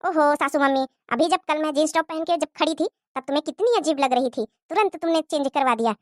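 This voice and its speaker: An outspoken young daughter-in-law from a cartoon moral story argues back in an indignant manner, played by a woman. Her voice is high and pushes hard in every line. The recording is dry, with no room sound. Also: fast talker, dry recording. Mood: defiant arguing. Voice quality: indignant, argumentative.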